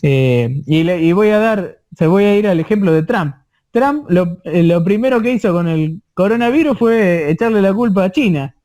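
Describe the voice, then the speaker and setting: A man with an Argentine Spanish accent teaches an online course, explaining things slowly, repeating himself often, and checking in with his listeners. His voice is high-pitched with lively intonation and a darkish tone.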